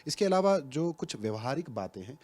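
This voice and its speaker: A man's voice: medium pitch, big pitch swings, brisk, a little mellow, breathy edge. A male TV interviewer with a mid-range voice. He asks his guest long, carefully framed questions in a polite, respectful and formal tone.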